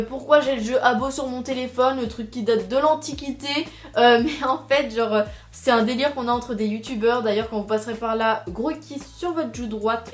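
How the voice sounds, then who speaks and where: A young woman talks casually to her viewers, slightly high in pitch, filling her sentences with hesitations and letting them trail off. Her voice rings in an echoey room. Faint music plays beneath. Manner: chatty, filler-heavy, drifting to mumbles. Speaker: YouTuber. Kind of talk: casual phone tour vlog.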